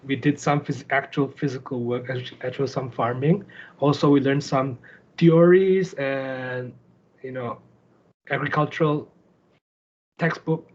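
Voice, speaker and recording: Pausing often, a Malaysian-accented startup founder from Kuching, Sarawak speaks a little slowly in a steady, mid-range voice. As a guest speaker on a screen-shared online call, he delivers an informal, chatty slide talk over dull, lo-fi audio.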